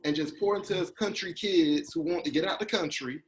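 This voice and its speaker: Young male interviewer, higher voice, earnest and moved. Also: brisk. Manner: moved, gropes for words. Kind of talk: conversational interview.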